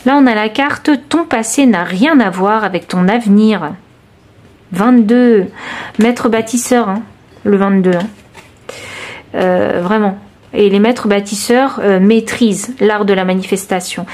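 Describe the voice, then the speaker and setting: A woman reading tarot cards for her viewers, talking straight to them in a searching, reassuring way with many pauses and restarts. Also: mid-range voice, darkish tone. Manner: intimate, reassuring, addresses viewer directly. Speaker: tarot reader. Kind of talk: intuitive tarot reading to camera.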